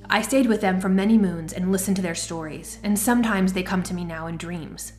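A woman voicing a wise, stern female mentor in a storybook reading, speaking in a calm, firm, measured way. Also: mid-range voice, soft background music, natural voice.

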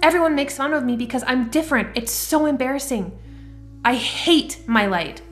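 A woman's voice: sits high, moderate pace, faint music behind, pitched above the performer's own voice, lightly acted. A woman voicing a young firefly girl in a storybook reading, stuttering and blurting out her words in frustration. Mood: upset, frustrated. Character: young girl firefly, anxious and easily upset.

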